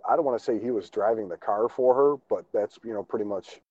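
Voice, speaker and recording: Co-host, man from Chicago, mellow tone, blunt jokey delivery, muffled lo-fi mic. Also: lowish voice, fast, dry recording. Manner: blunt, joking, swears casually. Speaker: podcast co-host. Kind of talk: casual chat.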